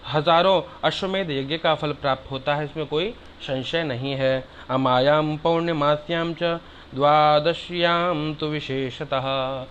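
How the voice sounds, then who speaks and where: A man with a somewhat high voice gives a devotional talk. He explains scripture plainly and calls his listeners brother. The sound is dull and lo-fi with a faint hiss. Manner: chants Sanskrit verses slowly and loudly between plain explanation; addresses listeners warmly as brother. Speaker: religious teacher. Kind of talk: devotional discourse with chanted verses.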